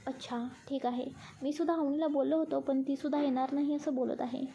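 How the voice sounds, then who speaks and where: A woman's voice: high-pitched, steady tone, fairly quick, mellow, slight background noise. A woman voicing a friendly young man talking casually on a phone call in a storybook reading.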